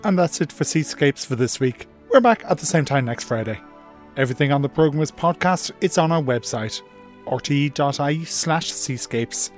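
A man's voice: on the high side, animated, normal speed. A man presenting a radio programme, reading scripted closing announcements. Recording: music behind the voice.

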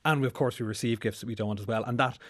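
A man's voice: medium pitch, steady tone, very fast, dry recording. A man explaining things as a business journalist in a radio studio.

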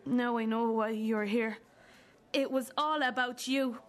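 Woman acting wounded adult daughter, drama dialogue, slightly high voice, slow delivery, bitter, accusing, deliberate. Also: steady tone, natural voice. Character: wounded, bitter adult daughter confronting the mother who abandoned her. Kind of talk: dramatic two-hander dialogue.

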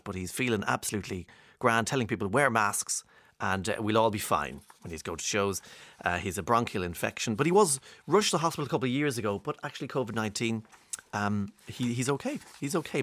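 A man's voice: medium pitch, sharp tone, no room sound, clean studio sound. A middle-aged Irish man presenting a radio show, chatting casually with plenty of fillers and restarts as he reads out listener texts. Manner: chatty, self-deprecating, frequent fillers and restarts.

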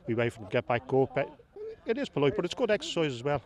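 A man's voice: mid-range voice, sing-song, very fast. Wry joking Irish man. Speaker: amateur player. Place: outdoor park.

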